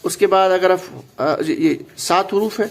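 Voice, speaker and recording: High gravelly male grammar teacher. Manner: patient, repeats key words, mixes in English terms. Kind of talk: explanatory lesson.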